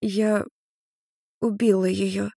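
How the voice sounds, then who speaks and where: A woman's voice: medium pitch, normal speed, a little mellow, dry recording, pitched above the performer's own voice, natural voice. A naive, easily frightened young woman who mutters and grumbles, as a woman reading a story puts her on. The voice sits a little above the reader's own, close and dry. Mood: timid. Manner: timid, grumbling, easily startled. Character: nervous, naive nineteen-year-old girl.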